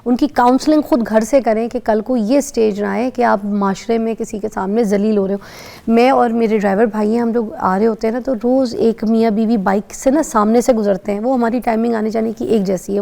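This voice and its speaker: A woman's voice: fairly high pitch, steady tone, vocal fry, dark tone. A woman from Pakistan hosting a TV morning show, chatting in a conversational style and telling anecdotes with frequent interjections. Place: TV studio.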